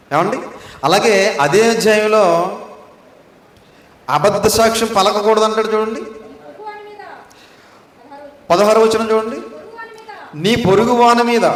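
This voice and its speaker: A man with a Telugu accent preaches in a high, ringing voice, often turning to the congregation with short questions. His voice echoes through a large hall with a long reverb tail, sounding roomy rather than close. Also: a bit bright. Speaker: pastor. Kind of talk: sermon.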